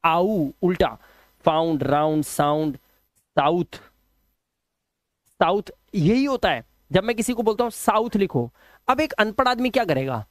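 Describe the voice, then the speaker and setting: Man, English teacher, high voice, dry close sound, drills pronunciation rules, scolding. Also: dry recording. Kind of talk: phonics lesson.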